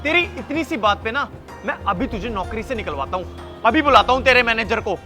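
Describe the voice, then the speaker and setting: A man's voice: very high-pitched, animated, a little fast, sharp tone, soft background music, exaggerated voice. A young man playing an arrogant diner who talks down to a waiter with contempt. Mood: scornful. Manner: scornful, bullying, contemptuous. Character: arrogant young man on a first date, rude to staff. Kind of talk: web short drama acting.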